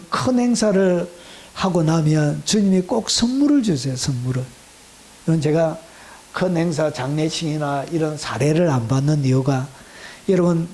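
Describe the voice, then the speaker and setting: Animated high-voiced male pastor preaching. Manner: animated, swings between loud exclamations and hushed asides. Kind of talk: sermon.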